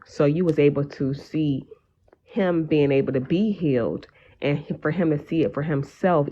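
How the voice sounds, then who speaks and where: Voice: medium pitch, darkish tone, lo-fi sound. A guest on a live stream speaking earnestly in casual conversation, meandering through long sentences with many fillers.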